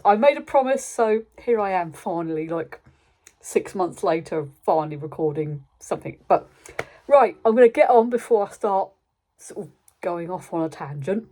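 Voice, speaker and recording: A British woman with a medium-pitched, dark voice hosts a channel and gives a casual, unscripted review. She rambles informally and often interrupts herself.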